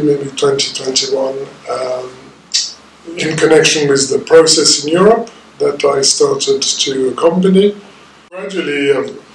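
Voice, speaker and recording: Middle-aged French man, facilitator, hesitant with fillers, slightly high voice, distant roomy mic. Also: fairly bright tone, a little hiss or hum. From France. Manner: hesitant, many ums and restarts. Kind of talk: recorded video message. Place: sitting room with plant and map, indoors. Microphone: far camera. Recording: roomy audio from a distant camera.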